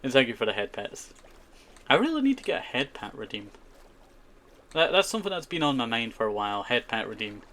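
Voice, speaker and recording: A Scottish game streamer who grew up speaking Scottish Gaelic chats casually with viewers, rambling through his commentary and echoing his own short phrases. His medium-pitched voice is a bit bright and sing-song, brisk but broken by long pauses. Clear noise sits behind him.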